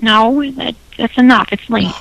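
A man's voice: extremely high pitch, fairly even intonation, unhurried, creaky, a bit bright, a little hiss or hum, pitched above the performer's own voice, exaggerated voice, poor audio. A man voicing a weary middle-aged mother who is tired and keeps trying to wrap the call up, in a prank call comedy bit.

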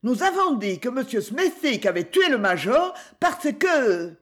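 A woman voicing a surly, quick-tempered working-class wife who answers back sharply. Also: big pitch swings. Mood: defiant. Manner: sharp, shrill retorts.

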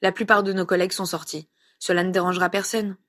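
A woman reading aloud the calm, friendly lines of a kind young man. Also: on the low side, fast, close to an everyday voice. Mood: reassuring.

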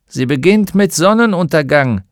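A man voicing a frail, wary old man on crutches in an audiobook, speaking slowly in a grave, warning tone. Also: a little high, animated, no echo, clean studio sound, pitched above the performer's own voice, close to an everyday voice. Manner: slow, warning, questioning.

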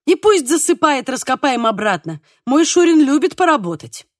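A woman voicing an exasperated female relative who talks briskly and indignantly. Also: high voice, big pitch swings, no echo, studio quality, voice pushed up.

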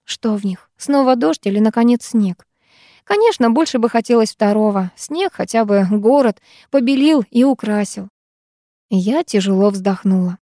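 A woman's voice: on the high side, moderate pace, no echo, studio quality. Woman narrating a first-person audiobook. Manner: expressive, emotional first-person reading.

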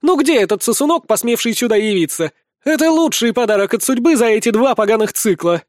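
A man's voice: high-pitched, expressive, normal speed, a little mellow, no room sound, clean studio sound, pitched above the performer's own voice. A man voicing a fierce, crude succubus warrior woman who mocks and threatens in a vulgar way. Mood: furious. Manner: mocking, vulgar, menacing.

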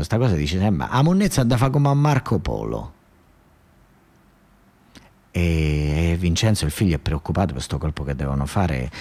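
This is a southern Italian man with a deep voice, a storyteller and monologue performer delivering a casual, theatrical radio piece. He sounds slightly mellow, keeps things conversational, and often stumbles into restarts while repeating lines to stress them.

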